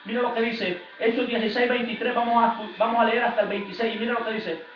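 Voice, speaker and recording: A man's voice: extremely high pitch, little pitch movement, quick pace, a little hiss or hum. A man preaching a sermon as an evangelist, in a fervent, repetitive preaching cadence. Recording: echoey, distant, dull lo-fi church recording.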